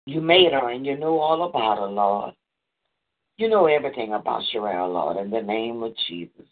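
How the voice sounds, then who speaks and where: A man prays fervently and rhythmically, his pitch swinging widely as he rises on each plea and drops on every "Lord". The sound comes through a thin, tinny phone line. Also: animated, moderate pace. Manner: fervent, rhythmic, repeating "Lord" and "in the name of Jesus". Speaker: prayer leader. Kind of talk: intercessory prayer.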